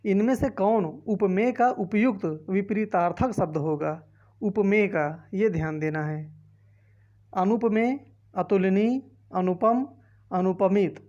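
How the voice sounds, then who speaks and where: Taking it slowly, a woman with a warm, mid-range voice works through a quiz lesson, reading multiple-choice options one by one and explaining each. She is an exam-prep teacher with a north Indian Hindi accent, and the recording is muffled.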